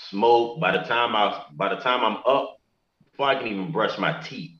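A man's voice: on the low side, normal speed, a bit bright. A man telling a personal story casually as a guest, candid and slangy. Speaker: interview guest. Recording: echoey room, muffled audio.

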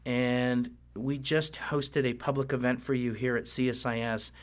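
A man's voice: mid-range voice, flat delivery, normal speed. A man hosting an interview program, introducing his guest politely and asking questions. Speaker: interview host. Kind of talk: conversational interview.

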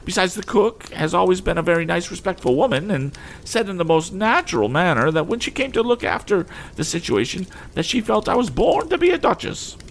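A man putting on a shrill haughty lady. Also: very animated, fairly quick, vocal fry, a little hiss or hum, exaggerated voice. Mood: indignant. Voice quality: shrill falsetto. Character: haughty shrill genteel lady, easily offended.

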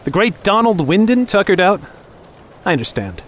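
This is dramatic audio fiction: a man portrays a younger office underling whose falsely friendly banter on a hunt turns into needling and menace. He speaks at a moderate pace in a high-pitched voice that swings widely in pitch.

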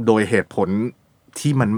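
A married man appearing as a guest on a casual podcast. He talks in a relaxed, reflective way. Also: normal speed, no echo. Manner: relaxed, reflective, speaks in first person plural. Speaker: actor, guest.

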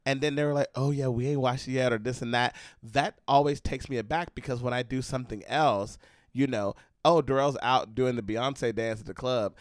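A man's voice: mid-range voice, moderate pace, no room sound, clean studio sound. A man hosting a podcast in casual chat, joking and rambling with many fillers. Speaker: podcast host.

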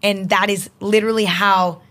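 Guesting on a chat show, this young online video creator talks loosely and rambles, filling her speech with "like." Her mid-range voice is fairly bright, barely moves in pitch, and runs at a normal speed.

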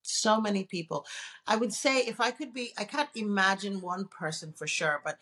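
A woman from Nigeria, a guest on an interview show, telling her story in a relaxed, chatty way. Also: mid-range voice, normal speed. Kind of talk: casual interview conversation.

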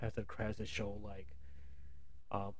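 A man's voice: fairly low pitch, little pitch movement, moderate pace, no room sound. An American man giving a casual, rambling film review, with lots of restarts and fillers. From United States. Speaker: movie reviewer.

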